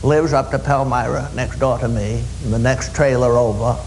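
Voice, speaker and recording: A man with a Maine accent telling comic stories to a live audience in a folksy, drawling, deadpan way. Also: mid-range voice, moderate pace, a little hiss or hum, low-quality recording. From Maine, USA. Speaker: humorist, storyteller. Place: room in front of an audience.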